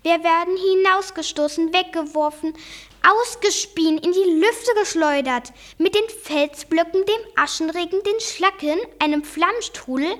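A young reader voicing a frightened, excitable young nephew in a storybook reading, with an urgent, alarmed delivery. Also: female voice, extremely high pitch, normal speed, hardly any pauses, voice pushed up. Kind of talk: read-aloud storybook voice.

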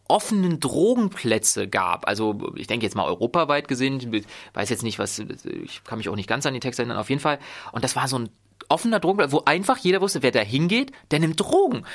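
A man casually recapping films he has watched, rambling with many fillers and restarts. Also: mid-range voice. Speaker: film reviewer. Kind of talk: casual podcast film talk.

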